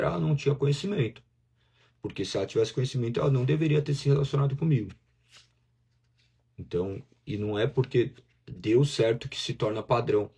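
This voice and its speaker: Brazilian pastor, male, husky voice, talky sermon delivery that acts out inner voices. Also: on the low side, a little mellow. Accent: Brazilian Portuguese. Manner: conversational preaching, acts out inner voices in dialogue.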